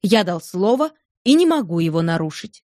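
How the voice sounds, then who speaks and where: Woman reads steady husband, gently condescending, low, dry close audiobook sound. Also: normal speed, dry recording. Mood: firm, patient. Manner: soothing, firm, gently condescending. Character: calm, firm husband, patient but unbending. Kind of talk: audiobook character voice.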